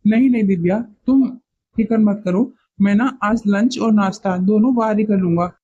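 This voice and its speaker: A woman voicing a busy young husband who rushes off to the office, in a cartoon. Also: mid-range voice, dark tone, breathy edge, muffled recording, voice pushed down, close to an everyday voice. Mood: hurried. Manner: hurried, reassuring. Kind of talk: cartoon voice acting.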